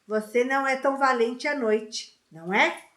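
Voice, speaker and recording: A woman voicing a bullying teenage boy who taunts his cousin, sometimes in a mocking, wailing falsetto, in a storybook reading. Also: normal speed, fairly bright tone, roomy sound. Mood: taunting.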